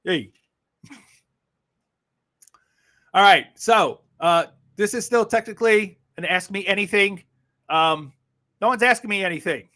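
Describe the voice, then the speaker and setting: A political livestream host from Brooklyn speaks in a high-sitting, sharp voice, a little slow and pausing often, with a New York accent. His casual chat is blunt and sarcastic, peppered with swearing and frequent laughter.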